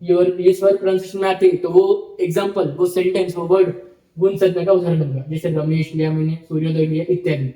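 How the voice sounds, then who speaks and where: High-pitched male teacher, roomy echo. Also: level tone, fast, mellow. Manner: explains step by step, repeats terms, checks in with "ठीक है". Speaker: Sanskrit teacher. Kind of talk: online lecture.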